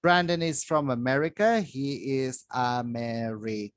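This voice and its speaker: A man teaching English to children, reading a grammar worksheet aloud slowly with long pauses, recorded on a phone over a desk. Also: medium pitch, dry recording. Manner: slow, drawn-out reading with pauses. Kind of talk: slow worksheet walkthrough for children. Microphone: phone filming a worksheet from above.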